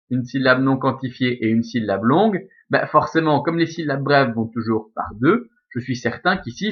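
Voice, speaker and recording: A man with a Belgian French accent talks through a lesson at a middle pitch, patient and methodical. He fills his sentences with small hesitations and corrects himself as he goes. The recording sounds slightly dull and lo-fi. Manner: patient, methodical, with frequent fillers and self-corrections. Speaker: Latin teacher. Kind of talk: recorded lesson explaining verse scansion.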